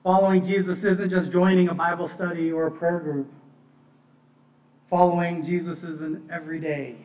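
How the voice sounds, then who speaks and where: Far from the mic, with slight background noise and an echoey room, a middle-aged pastor speaks in a slightly high, darkish voice, level in tone and moderate in pace. His sermon is conversational and earnest, full of personal testimony and repeated phrases for emphasis. He was born in Bangladesh and spent part of his childhood in Pakistan in a missionary family.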